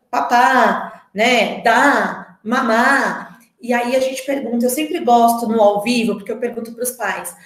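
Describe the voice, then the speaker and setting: Woman, Brazilian Portuguese accent, speech therapist, expressive live talk, high-pitched, echoey room. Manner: explanatory, expressive, asks rhetorical questions. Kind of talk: live online talk to parents. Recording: roomy echo.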